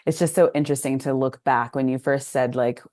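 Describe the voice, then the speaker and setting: A woman's voice: extremely low pitch, steady tone, fairly quick, a little mellow. A woman from Texas, a podcast guest and business coach, telling her life story in a chatty, reflective way. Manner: chatty, reflective, uses "like" often. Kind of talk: casual interview storytelling.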